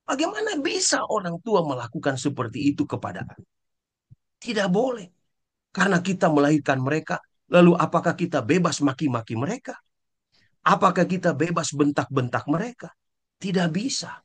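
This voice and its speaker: Indonesian pastor, voice swinging from hush to shout. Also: male voice, very animated, a little fast, slightly rough. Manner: swings from low and soft to sudden high shouts; acts out scolding parents in quoted asides. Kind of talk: sermon.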